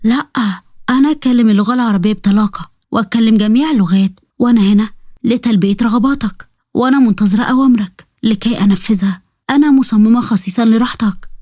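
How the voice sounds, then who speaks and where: A woman's voice: fairly high pitch, fast talker, mellow, no room sound, studio quality, lightly acted. A woman voicing a polite female robot bride who talks in stiff, formal phrases. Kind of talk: storybook narration with character voices.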